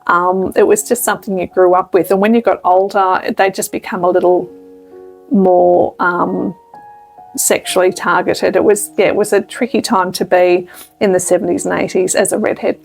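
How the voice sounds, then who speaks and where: A woman's voice: on the low side, level tone, normal speed, vocal fry, faint music behind. An Australian woman in her fifties, a radio presenter, speaking candidly and thoughtfully as an interview guest. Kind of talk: reflective interview conversation.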